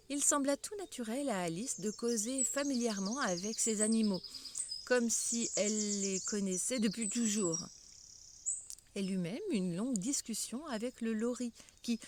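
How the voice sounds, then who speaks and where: An older woman reading a children's story aloud in a measured, expressive way. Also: mid-range voice, noisy background.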